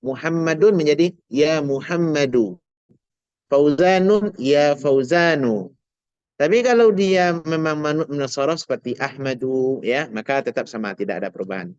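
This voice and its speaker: Guy teaching arabic grammar, kinda high voice, dry dull lo-fi sound. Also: darkish tone, no room sound. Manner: patient, asks students questions, slow drawn-out example words. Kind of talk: online grammar class.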